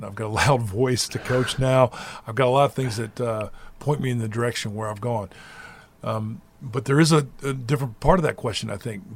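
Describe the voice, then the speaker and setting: In a mid-range voice, a middle-aged head coach of a college basketball team fields interview questions, measured and reflective, and often restarts what he's saying.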